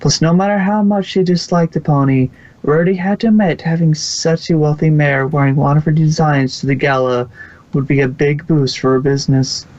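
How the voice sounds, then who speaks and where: This is a man reading fan fiction aloud as a story narrator, his voice on the high side, steady and darkish at a moderate pace. He now and then stumbles and rereads lines, and the recording is dry and slightly muffled.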